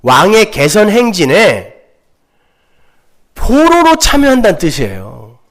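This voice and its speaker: A man's voice: sits high, wildly swooping pitch, slow pace. A male pastor preaching a sermon, emphatic and often putting rhetorical questions to his listeners.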